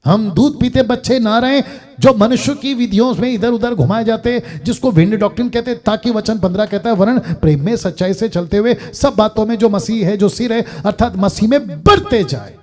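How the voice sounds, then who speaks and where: A male pastor preaching a sermon, mixing in English phrases, swinging from loud emphasis down to near-murmurs. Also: high voice, normal speed.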